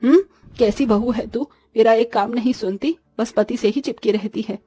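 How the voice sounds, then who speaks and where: A woman's voice: fairly high pitch, moderate pace, warm tone, breathy edge, soft background music. A woman voicing a demanding, forgetful older mother-in-law who keeps calling for her daughter-in-law in a storybook drama. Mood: scolding. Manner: scolding, calling out.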